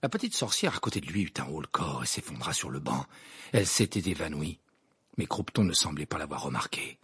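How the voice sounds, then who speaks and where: A man narrating an audiobook in an expressive, dramatic reading style with a gravelly, husky voice. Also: extremely low pitch, brisk, no echo, clean studio sound. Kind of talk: scripted narration.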